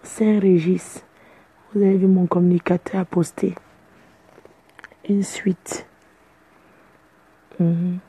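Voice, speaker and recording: A woman's voice: fairly low pitch, flat delivery, slow, pauses often, mellow, breathy edge, poor audio. A woman chatting casually to her fans in a playful, boastful way. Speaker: social media personality addressing fans. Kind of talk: casual live video chat.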